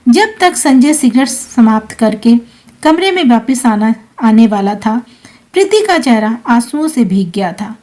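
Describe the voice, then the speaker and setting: A woman narrating an emotional story in a slow, tender storytelling manner. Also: on the high side, darkish tone.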